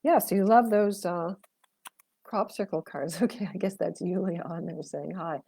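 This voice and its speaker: With her voice going, a middle-aged tarot reader and astrologer rambles through card readings on a live stream, filling gaps with fillers and answering viewer comments. She speaks at a moderate pace in a low, gravelly, husky, warm voice, with no echo.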